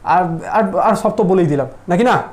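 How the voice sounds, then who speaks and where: A man's voice: high voice, lively intonation, normal speed. Male tutor, casual lecture; teasing, keeps quizzing students with check questions. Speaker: mathematics teacher.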